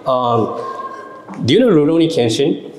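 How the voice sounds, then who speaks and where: A man in his thirties from Japan, with a Japanese accent, giving a casual, halting talk to a young audience with many fillers and questions. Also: on the high side, lively intonation, darkish tone, a little hiss or hum. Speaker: lecturer and festival speaker. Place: large hall, indoors. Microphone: stand microphone. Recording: roomy hall echo.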